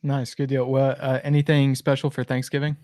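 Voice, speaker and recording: A young man hosting a casual podcast, talking in a relaxed way with lots of fillers. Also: mid-range voice, a little fast, no room sound. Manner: relaxed, filler-heavy, friendly. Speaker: podcast host.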